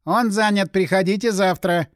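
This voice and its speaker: A man's voice: high-pitched, normal speed, no room sound, studio quality, voice pushed up, lightly acted. A man voicing a curt, harried secretary woman. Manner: snappish, dismissive.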